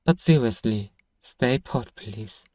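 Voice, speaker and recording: This fantasy ASMR apothecary, performed by a man, is gruff yet grudgingly caring, speaking slowly but animatedly in a mellow, dark, medium-pitched voice. His murmurs to one listener are laced with sighs and dry, sardonic teasing. The intimate recording is dry, with scarcely any room on it.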